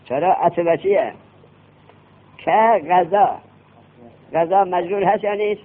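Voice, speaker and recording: A man teaching a classroom grammar lesson, quizzing his students with quick questions. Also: sits high. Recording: tinny lo-fi classroom recording.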